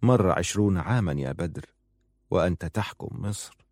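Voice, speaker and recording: A man voicing a quiet, wary ruler. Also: sits low, expressive, no room sound, studio quality, voice pushed down. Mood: guarded. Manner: quiet, measured, hushed delivery. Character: wary male ruler, soft-spoken and shaken.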